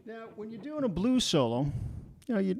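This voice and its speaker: A middle-aged man teaching a music lesson in a relaxed way, often checking in with "all right?". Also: high-pitched, brisk, gravelly.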